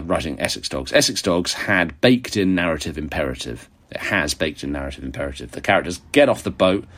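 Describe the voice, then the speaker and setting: A very low-voiced man chats casually as he answers questions from his readers. His voice is croaky and hoarse with a cold, sinking into vocal fry. The delivery is wry and self-mocking, like an author talking informally to followers.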